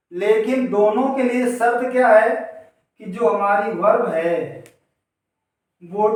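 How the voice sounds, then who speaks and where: A man with a high voice teaches a grammar lesson. The room is very echoey, and he sounds some distance from the microphone. He explains each point step by step and answers his own questions. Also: darkish tone. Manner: addresses students directly. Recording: echoey room, voice away from the mic.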